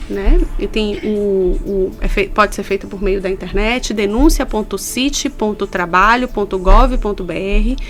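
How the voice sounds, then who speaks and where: A woman from Brazil, a labor inspector, explaining things earnestly in a radio studio interview. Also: mid-range voice. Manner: explanatory, earnest, stresses key points.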